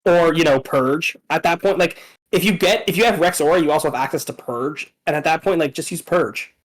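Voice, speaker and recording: A man's voice: fairly high pitch, fairly quick, low-quality recording. A man casually explaining game strategy, hesitant, with many fillers and restarts.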